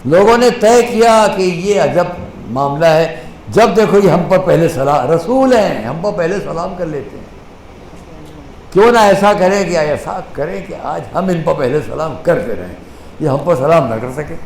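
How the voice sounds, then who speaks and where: A man with an Indian Urdu accent delivers an impassioned sermon in a slightly raised voice. He stretches quoted scripture out slowly and drops low for small acted-out exchanges. The hall around him is echoey, with a faint hum of ambience. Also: lively intonation, creaky, a little mellow. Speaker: maulana preaching at a majlis. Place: mourning hall.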